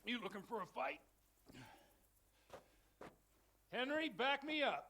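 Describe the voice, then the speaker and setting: An actor playing a drunken, quarrelsome village priest in video game dialogue, brash and picking a fight. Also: male voice, very high voice, animated, normal speed, vocal fry, bright, forceful tone, slight background noise, exaggerated voice. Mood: belligerent.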